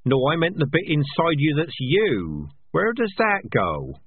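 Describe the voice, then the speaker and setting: A man voicing an earnest, curious young male rat who keeps asking questions in a raised, squeaky voice. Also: very animated, measured pace, breathy edge, no echo, exaggerated voice. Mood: wondering. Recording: dry, tinny phone-like sound.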